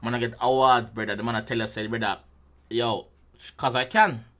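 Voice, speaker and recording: A young man with a Jamaican accent gives an excitable reaction commentary, full of loud exclamations and swearing. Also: mid-range voice, a little fast. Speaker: music reaction host.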